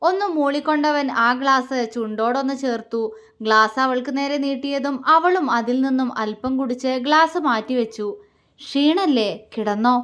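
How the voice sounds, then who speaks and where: A woman storyteller giving a calm, scripted narration of a romantic story. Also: high-pitched, normal speed.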